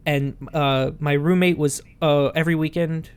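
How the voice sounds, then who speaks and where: Male podcast co-host, thirties, casual, halting delivery with many restarts, self-deprecating. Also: fairly high pitch, steady tone, smooth. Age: 30s. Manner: halting, repeats words often, self-deprecating. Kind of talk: casual chat.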